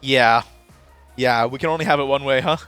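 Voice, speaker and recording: A man casting an esports card game live, excitable and quick to shout at big plays. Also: medium pitch, clean tone, soft background music. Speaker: esports caster.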